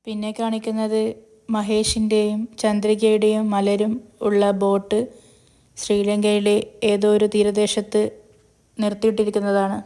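A woman narrating a recap of a TV serial episode, reading the characters' lines in an even, unhurried way. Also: medium pitch. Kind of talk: storytelling recap with voiced quotes.

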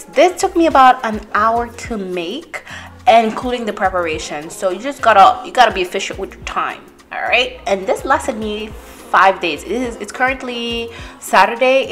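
A woman narrating her own cooking vlog in a casual, chatty way, often restarting her sentences. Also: medium pitch. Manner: chatty, self-correcting, light laughs. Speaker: cooking vlogger.

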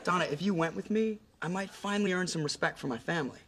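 A man's voice: high voice, quick pace, close to an everyday voice. An actor playing an awkward, hopeful young man with an earnest, self-pitying manner. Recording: noisy sitcom TV audio.

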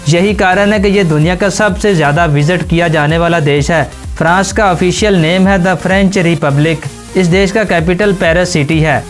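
A man narrating a scripted facts video, addressing viewers as friends in a brisk voice-over. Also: high voice. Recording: faint music under voice-over. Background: background music.

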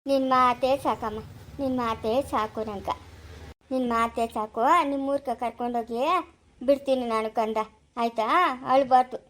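A woman's voice: high-pitched, moderate pace, lightly acted. A woman playing a lonely, widowed old grandmother who lives in a forest hut. She talks tenderly and coaxingly, soothing the same words over and over. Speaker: actor in family short drama. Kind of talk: amateur family drama acting.

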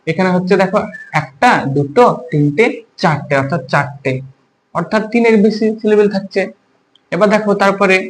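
A man's voice: high-pitched, slight background noise, rough recording. A male teacher explaining a grammar lesson, asking the viewers questions and stretching words out syllable by syllable. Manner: repetitive, drawn-out syllable-by-syllable pronunciation; keeps asking the audience questions. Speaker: English teacher.

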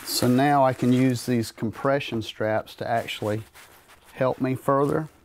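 A man in his thirties giving a relaxed, plain-spoken demonstration of camping gear while handling it in a carpeted room at home. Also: mid-range voice, measured pace, a little hiss or hum. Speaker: gear reviewer. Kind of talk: casual product demonstration. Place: carpeted room in a house, indoors.

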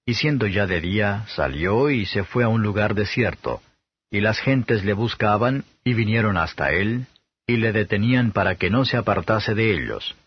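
A man giving a steady, measured Bible reading as an audiobook narrator, on a dull, slightly lo-fi recording. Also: on the low side, husky, no room sound.

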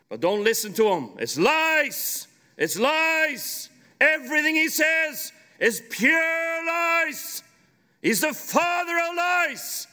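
A middle-aged man preaching a sermon from a podium microphone on a large conference stage, urgent and emphatic, at times shouting. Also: very high-pitched.

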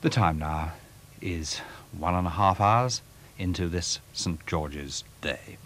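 A man giving a formal, measured TV continuity announcement, heard from a worn old VHS tape copy. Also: sits low, a bit bright, a little hiss or hum. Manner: measured, polite, formal delivery. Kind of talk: formal scripted broadcast announcement. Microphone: studio announcer microphone.

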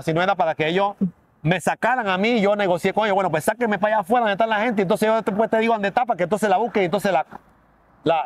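A man's voice: high-pitched, a little hiss or hum. A man giving a dramatic personal testimony, acting out the voices in his story with animation.

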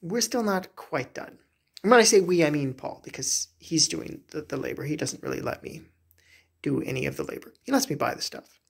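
A man's voice: on the high side, very animated, brisk, vocal fry, slightly rough. A man in his thirties giving a casual, rambling home tour vlog on a handheld phone in his kitchen, with many fillers and restarts. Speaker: homeowner vlogger. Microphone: phone camera, handheld selfie then walking.

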